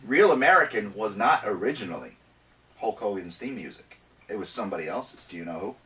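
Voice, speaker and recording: A man's voice: on the low side, lively intonation, brisk, pushed and bright. A man sharing trivia and quizzing the others on a casual chat podcast as a co-host. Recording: distant mic with faint noise.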